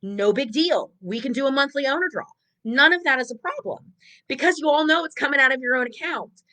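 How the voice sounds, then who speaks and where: A woman's voice: high voice, a little fast, low-quality recording. A woman who manages rental property, talking casually and animatedly on a live stream. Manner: chatty, animated, acts out dialogue with clients.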